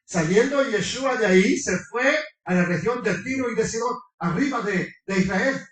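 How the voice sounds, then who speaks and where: High-voiced fervent preacher, echoey hall. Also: male voice, animated, moderate pace. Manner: fervent, quizzes the congregation, breaks into shouting. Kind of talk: sermon. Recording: echoey room, far from the mic.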